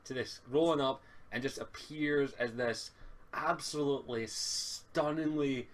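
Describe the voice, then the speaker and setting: In this amateur online clip, a mid-range male voice improvises as the game master of a tabletop game. His delivery is halting and casual, with swearing here and there.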